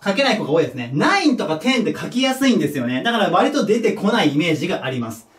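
A man teaching a junior high English lesson at a board, patient and step-by-step, checking in with his students and joking about his own mistakes. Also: big pitch swings, racing, a bit bright, distant mic. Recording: echoey room, voice from off the mic.

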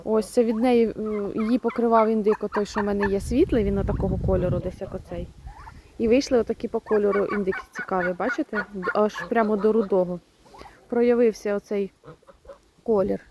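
Walking her rural yard and garden outdoors, a young woman from Ukraine narrates a casual vlog, talking to viewers and shouting to chase off her birds as geese and turkeys call. She speaks briskly at medium pitch in a steady tone, with background noise.

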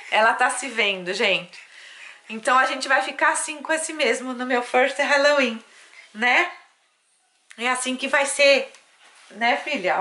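A woman's voice: a little high, sharp tone. A young Brazilian woman vlogging casually at home, chatty and doting as she talks to her baby. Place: at home, bedroom.

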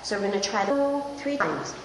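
A woman speech therapist coaching a young child, modelling words in a slow, exaggerated, encouraging way. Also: medium pitch, big pitch swings. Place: indoors at a table in a hard-walled room. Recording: echoey room, clear background noise.

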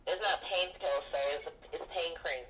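A woman telemarketer giving a formal, scripted sales pitch over the phone, with hesitant breaks. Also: moderate pace, fairly bright tone, husky. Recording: noisy telephone line.

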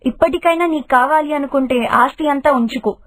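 A devoted young daughter from an animated storybook, put on by a woman narrator, gentle but resolute and earnest. Her voice sits very high. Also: brisk. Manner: earnest, heartfelt.

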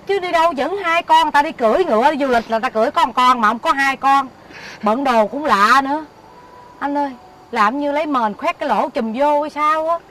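A woman's voice: high voice, a little fast, background noise, lightly acted. A woman with a Southern Vietnamese accent playing a young woman who teases her weeping ex-lover in a comedy sketch, chattering and mocking. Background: background music.

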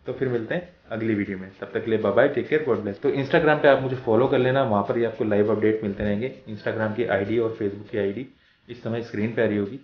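A man's voice: fairly low pitch, fairly even intonation. Chatty vlogger man. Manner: chatty and explanatory, frequent drawn-out "uh" pauses. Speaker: travel vlogger. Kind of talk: casual vlog talk to camera. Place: small room at home, indoors. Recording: roomy, slightly dull sound with faint room hum.

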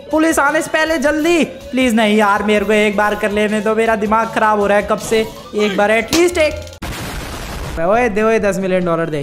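A man giving excited gameplay commentary, exclaiming and repeating words as he plays. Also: high-pitched. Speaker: gaming YouTuber.

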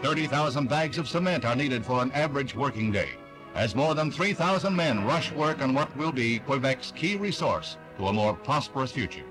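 A man's voice: mid-range voice, expressive, moderate pace, rough recording. A man narrating an old 1960s newsreel in an upbeat, promotional announcer's delivery. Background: music.

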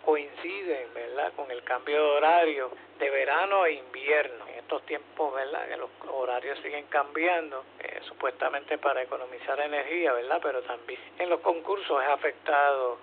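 A man's voice: on the high side, moderate pace, hardly any pauses. A man with a Puerto Rican accent running an amateur radio net, explaining informally in short phrases with frequent questioning tags, over two-way radio. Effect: two-way radio transmission. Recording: phone-like narrowband radio, hum, faint noise.

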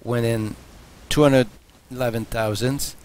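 A man with a mid-range, somewhat mellow voice speaks a little slowly and fairly evenly, with a bit of hiss or hum in the background. He hosts a welding channel from his home garage workshop, casually demonstrating and explaining in a matter-of-fact way while thinking aloud through plenty of fillers and restarts.

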